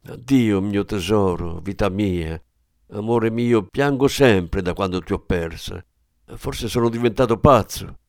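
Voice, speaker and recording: A low, anguished voice of a man mourning his lost love, as the reader plays him. His delivery is solemn and heavy with sorrow. The recording is dry and close. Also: measured pace, darkish tone, dry recording. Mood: grieving.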